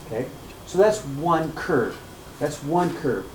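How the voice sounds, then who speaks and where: A male math teacher lectures his class slowly in a fairly high voice, swinging between loud emphasis and quiet asides. Energetic, he repeats each key point and often asks "okay?" and "right?" to check the students follow. The recording is rough, with faint room noise underneath.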